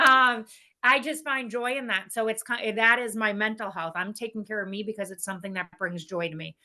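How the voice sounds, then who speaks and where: A business executive appears as a guest in a casual interview, a woman with a mid-range voice speaking a little fast. She is candid and energetic, laughs often, and frequently restarts her sentences.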